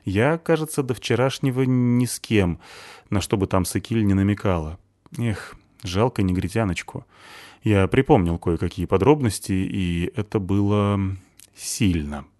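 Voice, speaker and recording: A man's voice: lowish voice, normal speed, darkish tone, no room sound, studio quality. A man narrating a first-person audiobook story in a sardonic, tough manner.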